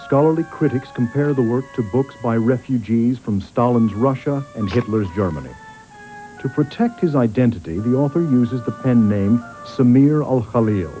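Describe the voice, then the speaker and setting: Man, documentary narrator, grave and measured, mellow voice, worn vhs tape copy. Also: mid-range voice, low-quality recording. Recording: faint music underneath, worn tape.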